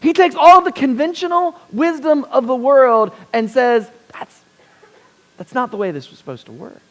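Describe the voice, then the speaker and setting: A young man delivers a chapel sermon as a pastor, his voice pitched high for a man. He talks loosely and personally, full of self-deprecating jokes and quick "right?" check-ins with the listeners. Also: animated. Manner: conversational, self-deprecating humor with frequent "right?" asides. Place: university chapel.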